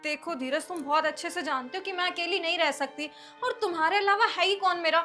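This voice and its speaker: A woman's voice: extremely high pitch, fairly quick, sharp tone, faint music behind. A woman acting as a hot-tempered wife in a short drama, scolding her husband and later begging him to stay. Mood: pleading. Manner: scolding, then pleading. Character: hot-tempered young wife, proud then pleading. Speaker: angry wife. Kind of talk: scripted web short drama.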